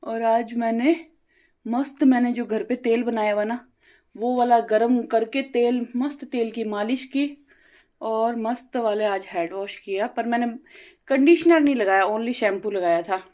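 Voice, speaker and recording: A middle-aged woman vlogger chatting at home, talkative and quick with her words. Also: fairly high pitch, a little mellow. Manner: talkative, fast-talking. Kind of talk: casual home vlog chat. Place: home, balcony and kitchen.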